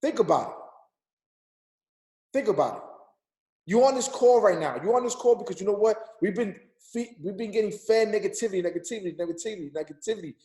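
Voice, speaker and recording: A man's voice: sits high, lively intonation, fast, warm tone, echoey room. A man in his thirties giving an emphatic, repetitive motivational talk on a group call, urging listeners like a preacher. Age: 30s. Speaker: motivational speaker.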